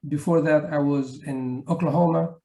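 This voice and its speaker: A man's voice: a little high, fairly even intonation, normal speed, mellow, reverberant, poor audio. A middle-aged man from Egypt, giving a conference presentation on teaching, hesitant with many fillers. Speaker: education researcher presenting his book chapter.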